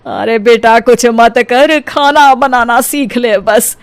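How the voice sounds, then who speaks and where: महिला की आवाज़ में घमंडी, टोकने वाली सास, ऊँचा सुर. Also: female voice, fairly high pitch, takes it slowly. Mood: chiding. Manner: chiding, emphatic, motherly. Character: proud, image-obsessed middle-aged mother-in-law. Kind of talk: cartoon story character acting.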